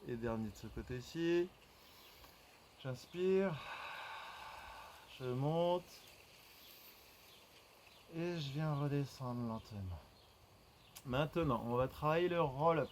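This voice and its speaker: A man's voice: mid-range voice, slow pace, pauses often, a little mellow, a little hiss or hum, rough recording. A man leading a floor exercise class, guiding breathing and repeating cues rhythmically as he counts. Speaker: fitness instructor. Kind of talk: guided workout instruction.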